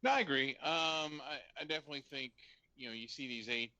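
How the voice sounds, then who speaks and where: A man co-hosting a casual podcast chat, talking in a relaxed, hesitant way with lots of ums. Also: on the high side, fairly quick, no room sound, lo-fi sound. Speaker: podcast co-host.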